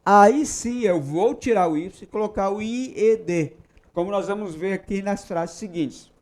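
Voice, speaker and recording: A Brazilian man with a high-pitched voice teaches English grammar in a patient explanatory style. He repeats each English example sentence slowly. He keeps checking in with short "tá?" and "ok?" tags. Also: darkish tone. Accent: Brazilian Portuguese.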